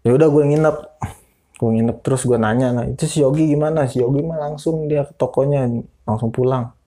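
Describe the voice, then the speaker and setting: A man casually telling a ghost story, animated and acting out other people's lines. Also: mid-range voice, a little fast. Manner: animated, quotes people in voices. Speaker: guest storyteller.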